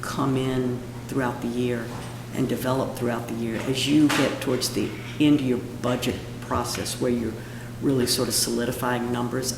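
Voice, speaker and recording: A man presents informally at a meeting in a hoarse, froggy voice thickened by a cold. His delivery has a creaky edge, and the room is echoey with clear background noise. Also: medium pitch. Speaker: presenter of a budget request at a town meeting.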